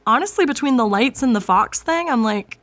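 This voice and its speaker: A woman's voice: fairly high pitch, animated, a bit bright. A woman hosting a podcast, chatting casually and reading online stories aloud in an informal, self-amused manner. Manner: chatty, informal, quick to giggle at herself. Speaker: podcast host.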